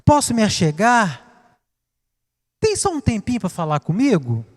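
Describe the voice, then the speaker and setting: A man's voice: high voice, huge pitch swings, a little slow, full character voice. A man voicing a young boy who pleads with his father for a gift, switching between meek and insistent. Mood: meek pleading. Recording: reverberant church hall.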